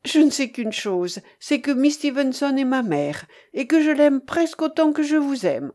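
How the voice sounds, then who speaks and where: A resolute young daughter, earnest and passionate, her voice bright and high with lively swings, as a woman reading the book brings her to life. She speaks with firm, heartfelt conviction. This is a storybook reading. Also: normal speed. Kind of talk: audiobook character reading.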